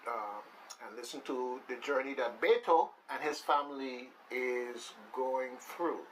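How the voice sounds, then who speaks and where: This radio talk show host has a mid-range voice and a measured pace, and he talks in a casual, rambling, emphatic style, repeating phrases often. There's faint noise, and the mic seems a bit far away.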